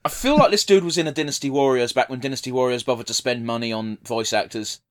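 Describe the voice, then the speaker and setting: A man's voice: mid-range voice, fast. A man giving casual, blunt, sweary commentary as a podcast co-host. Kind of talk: casual watch-along commentary.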